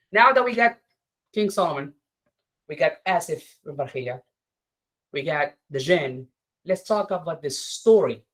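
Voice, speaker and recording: A man giving an informal lecture over a video call. He retells a story haltingly, with many restarts. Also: a little high, breathy edge, low-quality recording. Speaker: lodge presenter.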